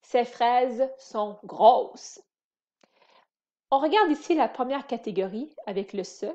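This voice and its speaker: A woman giving a slow, patient grammar lesson, repeating and spelling out words for beginners. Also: a little high, expressive, a little mellow, lo-fi sound. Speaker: French teacher.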